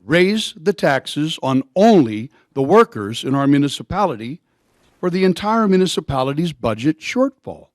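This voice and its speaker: A man's voice: fairly high pitch, very animated, normal speed, darkish tone, no echo. Indignant man giving public comment. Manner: indignant, emphatic. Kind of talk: public comment at council meeting.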